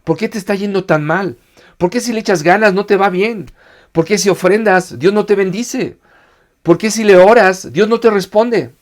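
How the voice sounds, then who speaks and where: A preacher voicing a taunting Satan. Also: male voice, high voice, pitched above the performer's own voice, natural voice. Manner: rapid taunting questions. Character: Satan whispering doubts, male, insidious.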